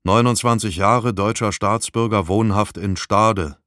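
A man voicing a good-natured, brisk male detective who gives orders at a crime scene. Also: on the low side, fairly bright tone, no echo, clean studio sound.

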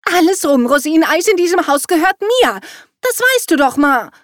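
Female reader voicing a demanding teen daughter, sharp tongue, raised pitch. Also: very animated, brisk, no echo, clean studio sound. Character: teen girl, bossy and irritable.

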